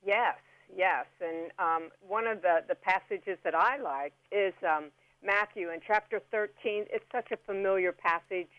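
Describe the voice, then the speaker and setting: A woman appears as a guest food and herb expert on a radio interview, explaining food and plants in a chatty, instructive way. Her medium-pitched voice is a little slow with hardly any pauses, without room sound, over a narrow-band, phone-like radio call.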